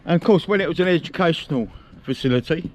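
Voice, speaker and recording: A man's voice: on the high side, fast. A British man with slurred, toothless diction, casually hosting a farm-visit vlog. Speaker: video host. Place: working farm yard and sheds. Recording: noisy on-location camera sound.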